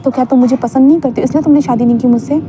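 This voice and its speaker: A woman's voice: high-pitched, steady tone, very fast, mellow, faint music behind, natural voice. A woman voicing a naive, jealous young man who pouts and stammers in a fan-fiction story reading. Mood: upset. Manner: pouting, stammering.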